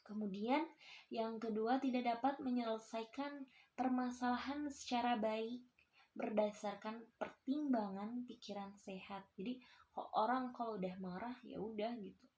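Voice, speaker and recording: A woman's voice: on the high side, fairly even intonation, unhurried, darkish tone. A young woman, a university student, giving a casual lesson and talking to her pupils as their teacher, with a chatty, explanatory manner and lots of filler tags. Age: young adult.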